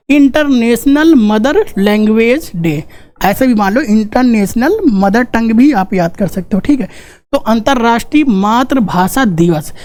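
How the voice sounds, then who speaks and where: Here a man with a very high, darkish-toned voice runs a casual exam-prep class built on memory tricks. He jokes, chats, repeats the key points and poses rhetorical questions.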